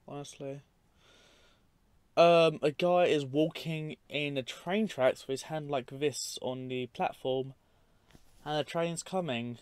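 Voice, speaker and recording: A man's voice: mid-range voice, no echo. A man giving casual, unscripted commentary over clips, rambling and matter-of-fact with dry asides. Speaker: narrator of a film clip compilation.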